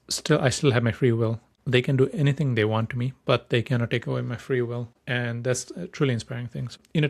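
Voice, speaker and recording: A man's voice: medium pitch, gravelly, a little mellow. A young man from Nepal hosting a solo podcast, upbeat and enthusiastic, often restarting words mid-sentence. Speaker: podcast host.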